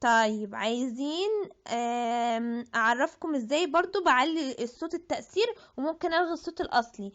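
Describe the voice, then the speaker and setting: A woman's voice: high voice, brisk, fairly bright tone. A woman with an Egyptian Arabic accent giving a chatty app tutorial, thinking aloud and restarting her words. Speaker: tutorial presenter. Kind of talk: screen-recorded app tutorial. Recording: dull lo-fi audio.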